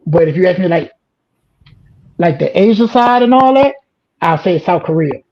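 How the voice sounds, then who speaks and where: Guest dude w a high voice, real emphatic, bro this bro that, muffled audio. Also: male voice, animated, normal speed. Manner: emphatic, keeps calling the listener bro. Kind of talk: casual chat. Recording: dull lo-fi sound.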